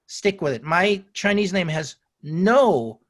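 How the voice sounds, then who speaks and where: Taking his time, an older male guest answers interview questions at length with lively intonation and a slightly high voice for a man. His storytelling style is full of restarts and mid-phrase self-corrections.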